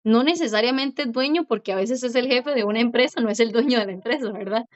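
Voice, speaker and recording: A woman teaching a Korean class, who repeats words slowly and keeps checking in with her students. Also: on the high side. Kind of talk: online class explanation. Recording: dull lo-fi audio.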